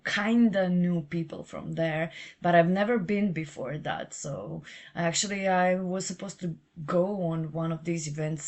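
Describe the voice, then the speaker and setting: A woman with a fairly low voice hosts a podcast. She chats in an upbeat, informal way and drops in fillers as she goes. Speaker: podcast host. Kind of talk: casual podcast chat.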